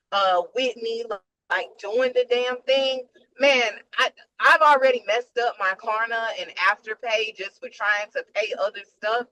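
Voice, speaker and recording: A woman on a video call sounds worn out as she speaks frankly and with emphasis. Her voice is bright and sits a little high. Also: poor audio. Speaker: nurse and webinar attendee. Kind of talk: casual venting on a video call.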